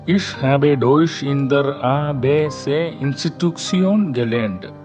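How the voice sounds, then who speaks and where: Slow, careful male language teacher. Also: medium pitch, dull audio, over music. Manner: says every line twice, slow and careful for learners. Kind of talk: slow repeated lesson dialogue.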